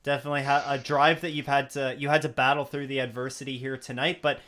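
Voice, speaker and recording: Bright clear-voiced guy hosting post-race chats, upbeat, keeps restarting sentences. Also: medium pitch, little pitch movement, fast. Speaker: league broadcast host.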